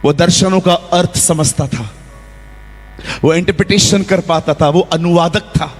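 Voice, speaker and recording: A man preaching a lively sermon in a church, acting out quotes and scenes as he goes. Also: on the high side, measured pace, soft background music. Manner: lively preaching with acted-out quotes and role-play. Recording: long hall reverb.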